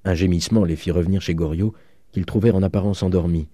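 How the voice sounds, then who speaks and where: A man narrating an audiobook in a measured, grave reading. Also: low-pitched, steady tone, dark tone, no echo, studio quality.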